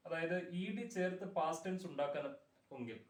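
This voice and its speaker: Recorded from afar in an echoey room, a man with a slightly high, fairly quick voice teaches Malayalam grammar. He patiently repeats word forms and keeps making sure the class is following.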